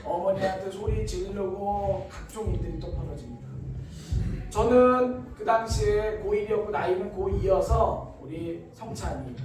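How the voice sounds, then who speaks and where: High-voiced man telling his story, echoey hall. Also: measured pace, noisy background. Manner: dramatic storytelling, acting out quoted voices. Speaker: church youth teacher giving testimony. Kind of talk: emotional personal testimony. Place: church hall. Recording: echoey room, far from mic.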